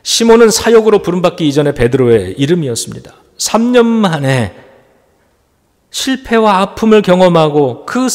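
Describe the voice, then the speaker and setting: A male pastor preaching an earnest, reflective sermon with rhetorical questions. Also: a little high. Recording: long reverb in a church hall.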